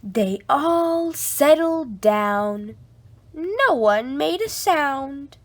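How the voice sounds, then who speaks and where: Very slow, animated woman storyteller. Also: high-pitched. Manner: animated, drawn-out delivery for young children. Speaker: storyteller reading a children's book aloud. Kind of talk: expressive read-aloud of a children's bedtime story.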